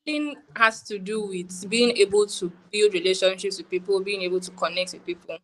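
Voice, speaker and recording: A woman hosting a live-stream interview, asking lively, encouraging questions. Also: medium pitch, brisk, poor audio. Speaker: host.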